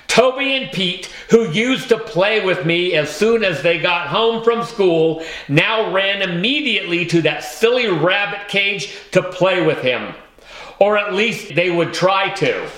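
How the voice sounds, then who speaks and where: A roomy echo surrounds a man narrating a children's audiobook in the first person. His voice is fairly high and bright, his manner wry, and he takes his time.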